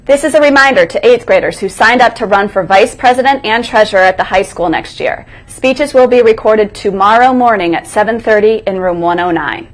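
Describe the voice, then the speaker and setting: Female co-host for a school morning broadcast, scripted announcement read, medium pitch. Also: brisk, few pauses.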